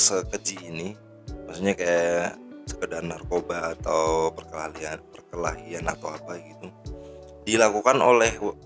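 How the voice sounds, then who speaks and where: Low-voiced man hosting casual commentary. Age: 30s. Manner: indignant, rambling with fillers. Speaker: host.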